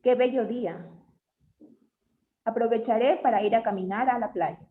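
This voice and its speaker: A woman reading a class presentation on punctuation, going through definitions and examples in a measured way. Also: a little high. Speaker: student presenter. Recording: tinny phone-like audio in an echoey room.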